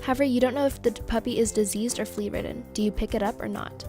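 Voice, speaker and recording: A woman reading out survey scenarios in a clear, measured way. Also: a little high, steady tone. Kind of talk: scripted reading. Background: background music.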